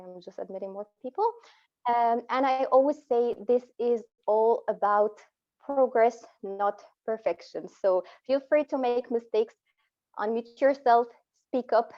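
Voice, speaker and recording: A woman's voice: fairly high pitch, unhurried. A woman in her thirties from Egypt, an Arabic speaker, who talks casually and encouragingly as an online English teacher. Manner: relaxed, encouraging, laughs often between phrases. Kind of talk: casual online class talk. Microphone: phone on a video call. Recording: dull lo-fi video call audio.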